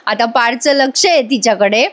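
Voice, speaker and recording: A woman narrates a TV serial episode recap in voice-over. Her voice is high and bright in pitch, and she talks in a chatty, amused way, turning to address her viewers. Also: brisk. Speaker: TV serial reviewer.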